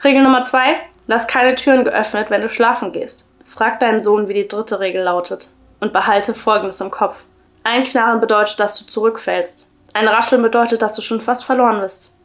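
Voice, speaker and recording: A woman voicing an eerie little pale boy who calmly recites the rules of a sinister game in a storybook reading. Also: fairly high pitch, normal speed, lightly acted. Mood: ominous. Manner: calm, ominous rule-reciting.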